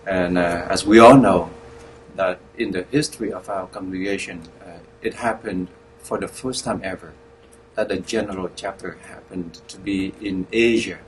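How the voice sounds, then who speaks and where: A man sharing his experience with a group in a measured, deliberate way, heard through a distant mic in a room. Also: low voice, steady tone, a little hiss or hum.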